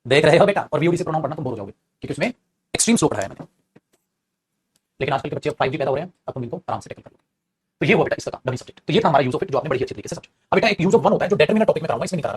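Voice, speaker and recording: A man teaching an English grammar class, talking quickly and chattily and calling his students "beta". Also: a little high, slight background noise. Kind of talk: classroom grammar lesson in Hindi.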